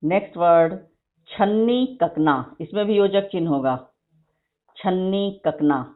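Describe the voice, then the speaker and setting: A woman teacher dictating a vocabulary list to her class, repeating each word slowly and explaining spelling. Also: fairly low pitch. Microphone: phone recording of an online class. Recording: tinny phone-like screen recording.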